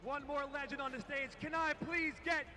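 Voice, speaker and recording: A male stage announcer hypes up a live crowd. His pitch is extremely high for a man, and music is clearly heard behind him. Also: fairly even intonation, normal speed, pushed and bright.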